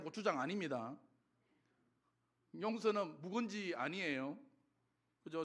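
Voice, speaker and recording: A middle-aged male pastor preaching a sermon, telling stories with humor and acting out his own prayers. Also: a little high. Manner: animated storytelling, acts out his own prayers; laughs often, jokes with the congregation.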